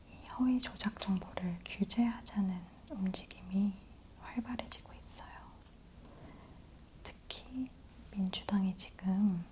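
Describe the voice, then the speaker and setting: Female ASMR news host, close soft whisper, unhurried and gentle explainer. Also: medium pitch. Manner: whispering softly throughout, leaning in close; slow, gentle explaining to the listener in polite speech.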